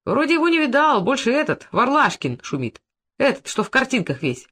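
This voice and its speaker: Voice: sits high, big pitch swings, fairly quick, husky, pitched above the performer's own voice, heavily acted. A reader doing a frantic rural shopkeeper. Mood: alarmed. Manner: shouts breathlessly, repeats himself. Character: panicked village shopkeeper man, excitable. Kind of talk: audiobook reading.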